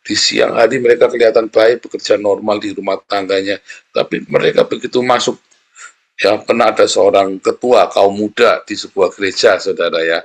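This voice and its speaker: A man preaching a sermon as a pastor, animated and conversational, often calling out to his listeners. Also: lowish voice, normal speed, creaky.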